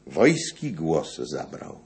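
Deep, slow, declamatory male reader. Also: wildly swooping pitch, darkish tone. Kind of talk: dramatic reading of epic poetry.

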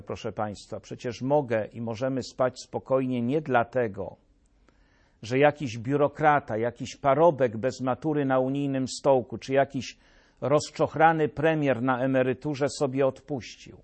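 A man's voice: medium pitch, a little mellow. Sarcastic man in a mock-solemn commentary. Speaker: political commentator. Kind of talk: scripted satirical commentary.

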